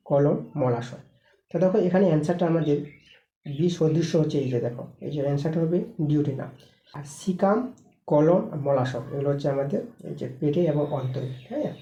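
A man teaches at a rapid clip, explaining each exam answer step by step and sending students back to their textbook. His voice is mellow and sits a little high for a man. The room echoes around him, with faint noise in the background. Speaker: school teacher. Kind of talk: exam answer walkthrough lesson.

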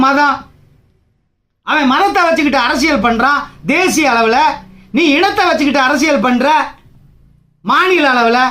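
A man's voice: extremely high pitch, sharp tone. A man from Tamil Nadu, a trade union leader, giving an angry political speech, combative and taunting, firing rhetorical questions.

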